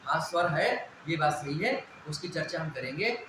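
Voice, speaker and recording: A man's voice: a little high, expressive, moderate pace. A male teacher giving a classroom lecture, asking questions and answering them himself and repeating the key points. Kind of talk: classroom lecture on Hindi grammar. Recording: very echoey room with background noise.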